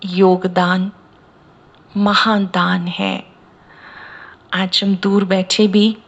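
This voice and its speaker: An Indian spiritual teacher, a woman with a mid-range voice, leads a slow guided meditation discourse. She speaks in measured, deliberate short phrases separated by pauses.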